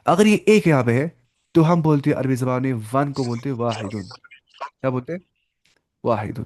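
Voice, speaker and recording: A man teaching an online Arabic class, patiently repeating each word slowly for his student over a video call. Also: mid-range voice, darkish tone.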